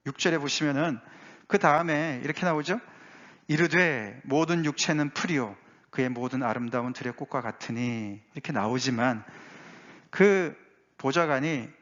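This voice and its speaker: A male pastor preaching a sermon with emphatic swings, rising to exclaim and dropping low. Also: fairly bright tone. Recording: dull lo-fi sound.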